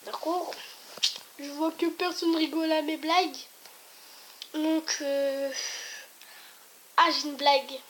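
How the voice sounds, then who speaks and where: High-voiced woman rambling through jokes. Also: flat delivery, takes it slowly, long pauses, a bit bright, a little hiss or hum. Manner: rambling and hesitant, with many restarts and apologies. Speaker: joke teller. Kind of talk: casual joke telling to camera.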